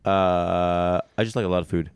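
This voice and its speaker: Playful low-voiced young man host. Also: steady tone, normal speed, smooth, no echo. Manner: goofy, playful, laughs a lot. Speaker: podcast host. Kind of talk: casual chat.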